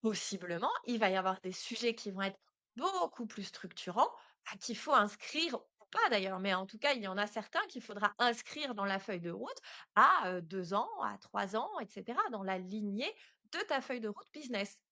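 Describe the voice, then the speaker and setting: Chatty woman, bright voice. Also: mid-range voice, sing-song, moderate pace, no room sound. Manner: chatty, direct, talks to the listener. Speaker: podcast host. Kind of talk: casual solo podcast advice.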